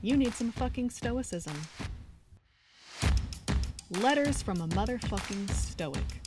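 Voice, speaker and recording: A woman's voice: fairly high pitch, lively intonation, takes it slowly, over loud music. A woman giving a brash, sardonic, heavily profane comedic reading of a modern paraphrase of old letters. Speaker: reader.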